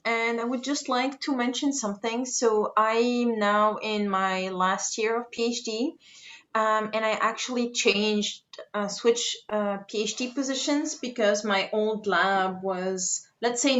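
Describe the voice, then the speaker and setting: A woman's voice: fairly high pitch, steady tone, a little slow, a bit bright. A young woman in the last year of her studies, speaking frankly and hesitantly in a casual group discussion on a video call. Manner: frank, hesitant with many fillers. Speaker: participant. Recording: dull lo-fi video call audio.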